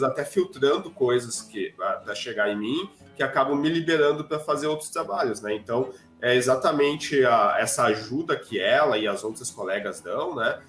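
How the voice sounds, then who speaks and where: A man, co-host of a casual online live talk, introducing a guest in a measured way with many tag questions. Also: medium pitch. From southern Brazil. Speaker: co-host and school staff member. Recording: roomy echo.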